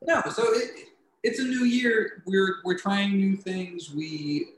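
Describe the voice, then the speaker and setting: A man's voice: sits high, animated, slow pace. A man co-hosting a podcast in a casual, playful and rambling way. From Philadelphia area. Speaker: podcast co-host. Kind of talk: casual chat. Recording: roomy echo with faint background hiss.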